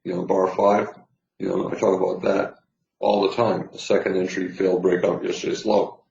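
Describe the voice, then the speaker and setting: Low, gravelly man losing his voice. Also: little pitch movement, normal speed, darkish tone. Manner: rambling, many fillers and restarts. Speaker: trading teacher. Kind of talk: casual trading lesson. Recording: roomy, slightly dull sound.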